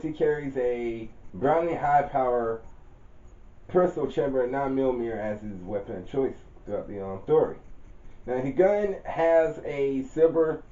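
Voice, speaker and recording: A man's voice: medium pitch, animated, measured pace, mellow. Man, casual rambling character rundown, informal grammar, self-corrections; roomy echo, dull lo-fi sound. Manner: loose and rambling, correcting himself mid-sentence. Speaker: channel host describing his own story character. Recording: roomy, dull lo-fi home recording.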